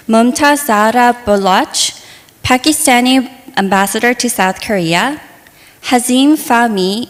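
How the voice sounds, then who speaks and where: Woman moderator introducing formal guests. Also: on the high side. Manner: reads names and titles carefully, slowing on names. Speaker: professor and session moderator. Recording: long reverb of a hall.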